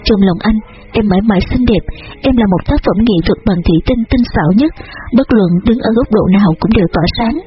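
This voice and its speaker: A man reading an audiobook and voicing an anguished young man whose husky, choked voice pleads desperately, with dull audio and faint music behind. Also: high voice, expressive, quick pace. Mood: tender.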